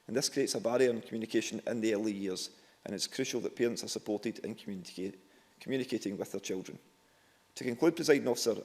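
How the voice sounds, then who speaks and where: A man's voice: lowish voice, darkish tone. A man with a Glaswegian accent giving a formal parliamentary speech from notes as a member of parliament. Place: large parliamentary debating chamber. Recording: echoey hall with long reverb.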